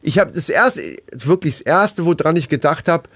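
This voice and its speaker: A man's voice: a little high, animated, normal speed, a bit bright, dry recording. A man co-hosting a podcast in casual, colloquial, joking banter. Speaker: podcast co-host.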